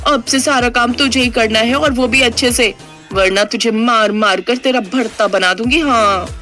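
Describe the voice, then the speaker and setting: A woman voicing a spiteful, bossy aunt who scolds loudly and sobs for show. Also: normal speed, faint music behind. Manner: shrill scolding, fake sobbing.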